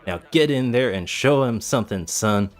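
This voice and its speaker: A man voicing a gruff older male fight-club manager with a Texan accent and a folksy drawl. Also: medium pitch, animated, moderate pace, soft background music, close to an everyday voice. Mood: bossy.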